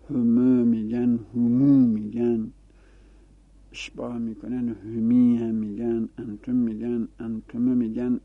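Gravelly-voiced man teaching grammar, phone-like sound. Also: medium pitch, no echo. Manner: explanatory, repeats example forms aloud. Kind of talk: classroom grammar lesson. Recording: tinny phone-like dry recording.

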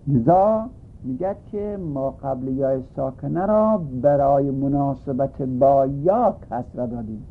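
A man's voice: mid-range voice, husky. Man teaching over a tinny line. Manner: patient, repeats and rephrases points. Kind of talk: lecture explaining a grammar text. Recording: tinny phone-like recording.

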